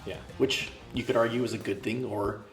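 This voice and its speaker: A man, a guest in a casual whiskey chat, relaxed and agreeable. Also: lowish voice, a little fast. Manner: relaxed, agreeable, laid-back phrasing. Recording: roomy echo with music.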